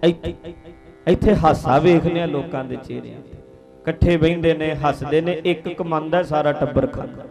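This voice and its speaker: A man's voice: fairly high pitch, fairly even intonation, normal speed, creaky. A man with a Punjabi accent preaching a sermon, folksy and earnest, asking his listeners straight out. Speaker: Sikh preacher. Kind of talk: sermon storytelling.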